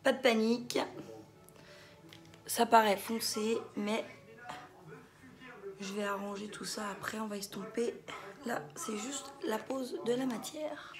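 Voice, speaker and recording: A woman's voice: a little high, takes it slowly, pauses often, music in the background. A woman hosting a makeup tutorial, narrating each step with little interjections and the odd whisper.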